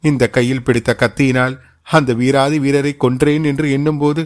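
A man's voice: medium pitch, flat delivery, normal speed, natural voice. A man voicing a guilt-ridden young noblewoman, pleading in distress. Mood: anguished.

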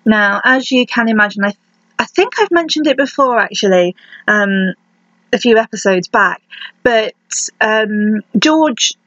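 A woman's voice: mid-range voice, fairly bright tone, dry recording. Woman telling history, wry asides. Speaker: podcast host. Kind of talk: casual history storytelling. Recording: dull, dry lo-fi sound.

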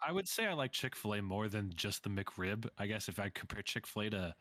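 A man's voice: on the low side, big pitch swings, a little fast, a bit bright, no echo. A man chatting casually as a podcast host, with slangy, swearing bro-talk. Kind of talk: casual chat.

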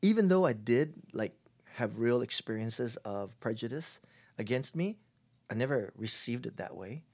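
A middle-aged man talking reflectively as an interview guest, halting often and restarting his sentences. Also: medium pitch, lively intonation, darkish tone. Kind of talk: casual conversation.

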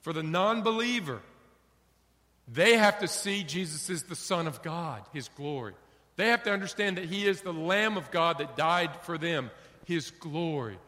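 A middle-aged man preaches with a bright, ringing voice, pitched a little high for a man. His sermon is animated, slipping into acted-out exchanges. A long reverb trails each phrase, as in a church sanctuary. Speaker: pastor.

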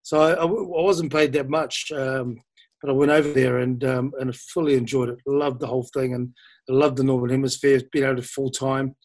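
A man's voice: medium pitch, little pitch movement, fairly quick, darkish tone, dry recording. A man in his fifties from New Zealand, a former rugby player telling his career story in a rambling interview, full of fillers and restarts.

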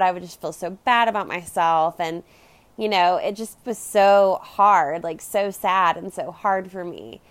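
A woman's voice: fairly low pitch, fairly bright tone, clear, resonant tone, dry recording. A young American woman with a Valley Girl accent and lilting uptalk, telling personal stories in a casual, confessional way, peppered with filler words. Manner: conversational, peppered with "like" and "you know". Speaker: podcast host.

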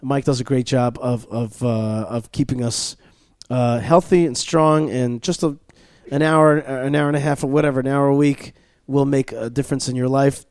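A man's voice: mid-range voice, steady tone, moderate pace, a little mellow, smooth, no room sound, clean studio sound. A man hosting a radio talk show, chatting casually and doing sponsor plugs with many restarts and fillers. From Israel. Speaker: podcast host. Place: studio at a learning center.

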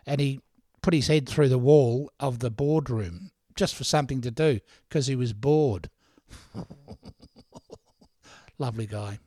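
A man's voice: medium pitch, a little slow, pauses often, dark tone, dry recording, clean studio sound. An older Australian man hosting a podcast, telling anecdotes in a chatty, laughing way. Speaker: podcast host. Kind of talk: storytelling monologue.

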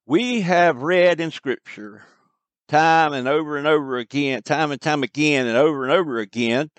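A man preaching a sermon to listeners, slow and emphatic, repeating key phrases. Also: fairly high pitch, no echo.

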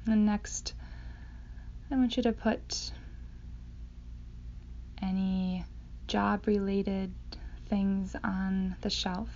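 A woman guides a meditation in a slow, hypnotic manner. Her delivery is soothing and very even in pitch, with a creaky edge that turns breathy as phrases trail off. The recording is slightly dull. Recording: dull sound, faint background noise.

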